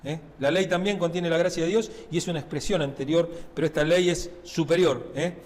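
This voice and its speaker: High-voiced Rioplatense pastor in reverberant church. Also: male voice, fairly quick, a little mellow. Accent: Rioplatense Spanish. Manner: conversational preaching with frequent tag questions. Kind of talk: sermon. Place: church sanctuary.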